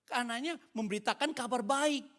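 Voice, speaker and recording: A man's voice: extremely high pitch, fairly quick, a bit bright. A man, a pastor preaching a sermon in a church service and telling his own story, with English words mixed into his talk. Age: 50s. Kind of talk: sermon with personal testimony.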